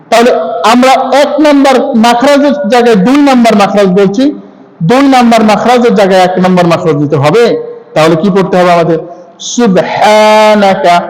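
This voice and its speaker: A man teaching how to say a prayer, explaining point by point and slowly chanting the prayer words for listeners to repeat. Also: sits high, poor audio. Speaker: religious teacher. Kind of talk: prayer recitation lesson.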